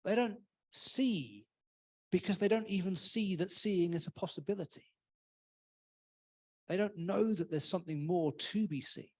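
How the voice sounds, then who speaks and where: A man's voice: high voice, measured pace, long pauses. A man giving a casual, humorous sermon in a church, often acting out voices. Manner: chatty, humorous, acts out voices. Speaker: preacher.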